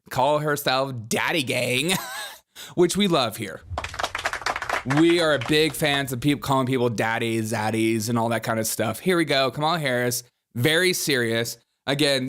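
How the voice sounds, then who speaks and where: A man hosting a political commentary show, sarcastic, mocking and energetic. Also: medium pitch. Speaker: host.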